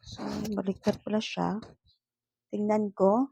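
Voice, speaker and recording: A young woman with a Filipino accent chats casually to her viewers, slow and easygoing. Her voice is a little husky, picked up close on a phone lavalier mic. Roosters crow now and then behind her. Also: mid-range voice, flat delivery, dark tone, no echo, rough recording. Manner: chatty, mixes English and Filipino, talks to viewers directly. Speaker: vlogger testing a lavalier mic. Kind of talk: casual product-test vlog. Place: home with roosters crowing nearby. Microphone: lavalier plugged into a phone.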